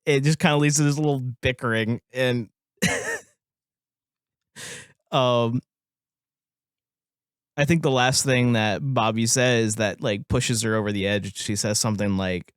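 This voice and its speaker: A man's voice: mid-range voice, steady tone, measured pace, pauses often, clear, resonant tone, no room sound, clean studio sound. A man co-hosting a podcast, chatting casually about a film, laughing often and acting out lines. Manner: laughs often, acts out lines in put-on voices. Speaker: podcast co-host.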